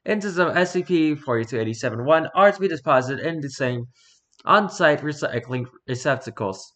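A man's voice: fairly high pitch, a little fast, a bit bright. A man casually reading a story document aloud and adding dry, sarcastic asides. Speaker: reader.

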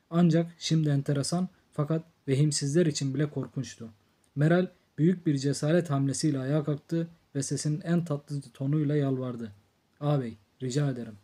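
A man narrating an audiobook novel in a calm, measured reading voice. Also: fairly high pitch.

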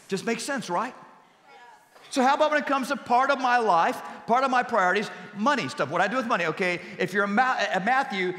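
A man's voice: on the high side, sharp tone. A man preaching a sermon to a congregation as pastor, emphatic, repeating key phrases and dropping jokey asides. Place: church sanctuary with congregation. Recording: echoey hall reverb.

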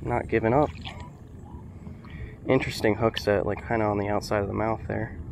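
A man's voice: on the low side, normal speed, vocal fry, noisy background. Young man chatting from a fishing boat. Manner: relaxed, chatty, thinking aloud. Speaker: fishing vlogger. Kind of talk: casual outdoor commentary. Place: small boat on open water outdoors. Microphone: action camera mounted on boat.

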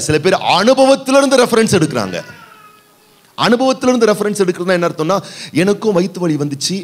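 A male pastor with a Tamil accent preaching a sermon in church, building emphasis through repeated phrases and rhetorical questions. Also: high-pitched.

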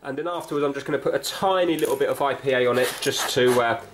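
A repair-video host narrates his hands-on work at a cluttered indoor workbench, thinking aloud and tentatively explaining each step in a casual way. His mid-range voice moves fast over faint background music. Background noise is clearly audible, along with clicks from handling.

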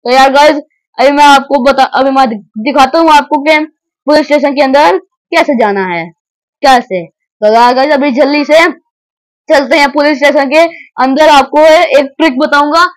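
Brief: high-voiced, chatty game commentator, rambling and repetitive, dry close sound. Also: moderate pace, no echo, low-quality recording. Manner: rambling, repeats "arey yaar guys" with many restarts. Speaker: gameplay commentator. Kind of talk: excited casual game commentary.

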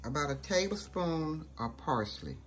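A woman's voice: low voice, very animated, a little slow. A woman hosting a home cooking show, talking folksy and chatty through each step in her kitchen. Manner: folksy, chatty, says "okay" often. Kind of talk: casual cooking demonstration. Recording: noisy home kitchen recording.

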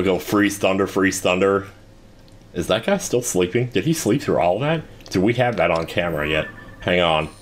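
A man's voice: low voice, a bit bright, a little hiss or hum. A man giving casual, rambling commentary while playing a video game, with wry asides. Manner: rambling, wry, self-deprecating. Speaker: let's play host.

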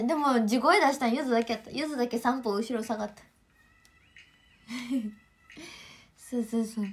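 Giggly high-voiced Kansai woman streaming. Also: a bit bright. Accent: Kansai Japanese. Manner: giggly, chatty, answers chat greetings. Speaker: livestreamer. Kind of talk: casual livestream chat.

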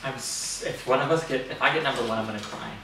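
A man's voice: mid-range voice, fast talker, a bit bright. A young man doing a casual challenge video with a friend, teasing and squealing in disgust. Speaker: vlogger. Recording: echoey room, distant mic, faint hiss.

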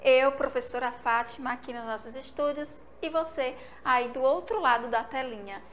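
A Brazilian woman teacher with a Sergipe accent, giving a remote lesson to young children and drilling syllables in a slow, sing-song way from a school studio. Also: high voice, fairly bright tone, slight background noise. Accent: Brazilian Portuguese, Sergipe.

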